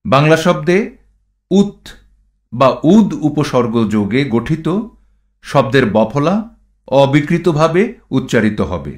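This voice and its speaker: Male pronunciation instructor, mid-pitched, deliberate and very slow, reciting rules and example words. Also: sing-song, a little mellow. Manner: measured, reads rules and word lists one item at a time. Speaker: pronunciation teacher.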